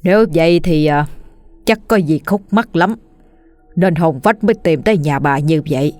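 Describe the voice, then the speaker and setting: A woman puts on a self-assured village exorcist in a spoken ghost story, slow and measured. The voice stays low, with faint music behind. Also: darkish tone, dry recording, close to an everyday voice.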